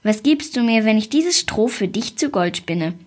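A woman reading as a croaky, crafty little goblin-man. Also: a little high, expressive, normal speed. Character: tiny hunchbacked wrinkled little man, crafty. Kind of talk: storybook reading.

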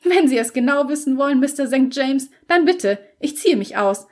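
A tired, sarcastic young tradeswoman, as a woman reading aloud puts her on snaps back in a raised, higher voice. She sounds fed up and quick-tongued, as in a storybook reading. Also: expressive, a little mellow. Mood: snippy.

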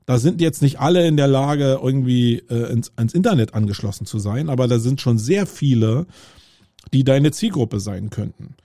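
A middle-aged podcast host from Germany speaks animatedly at a moderate pace in a mellow, medium-pitched voice. He's outdoors on a city street amid roadwork noise, working through a casual solo monologue with lots of fillers and restarts. The audio is studio quality, with no echo.

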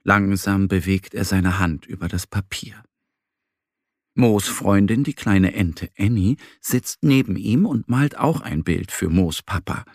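A man gently and expressively reading a children's story aloud. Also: low-pitched, measured pace, no echo, studio quality. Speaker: narrator.

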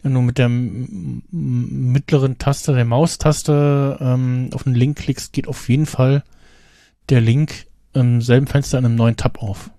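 Male podcast co-host, rambling casual talk, warm dark voice, dry booth sound. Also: mid-range voice, steady tone, measured pace, creaky, dry recording. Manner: rambling, many fillers and restarts. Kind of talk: casual chat.

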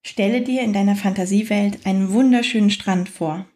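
A woman with a mid-pitched voice leads a guided relaxation. She reads in a soothing, unhurried way. Long pauses separate her phrases, as in a scripted meditation. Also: mellow. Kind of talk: guided fantasy journey, scripted relaxation narration.

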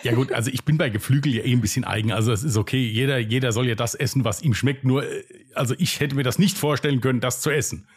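A man's voice: mid-range voice, fast talker, few pauses, slightly rough. A man co-hosting a podcast, chatting casually and telling jokes. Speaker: podcast co-host. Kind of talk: casual chat and joke telling.

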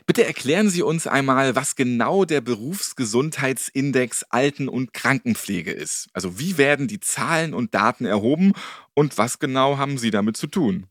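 A man hosting a podcast, presenting clearly and asking interview questions at a trade fair venue. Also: medium pitch, lively intonation, normal speed, fairly bright tone, dry recording, studio quality. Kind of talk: moderated reporting and interview questions.

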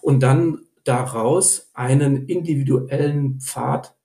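Man, investor guest, gravelly and warm, echoey room, many fillers and restarts. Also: medium pitch, slow. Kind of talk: podcast interview.

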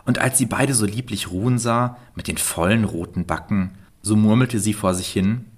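A man reading a fairy tale aloud in a calm, measured storytelling manner. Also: lowish voice, breathy edge.

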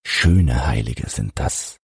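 A man's voice: rumbling low, animated, slow pace, creaky, breathy edge, no room sound, clean studio sound, pitched below the performer's own voice, exaggerated voice. A man doing a grumbling poor father. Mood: gruff.

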